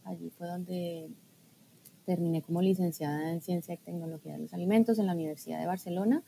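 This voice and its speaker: Soft-spoken woman, warm low tone. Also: fairly even intonation, creaky, a little hiss or hum. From Colombia. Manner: thoughtful, hesitant, pauses with fillers. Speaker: guest, food scientist and blogger. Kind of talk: casual podcast conversation.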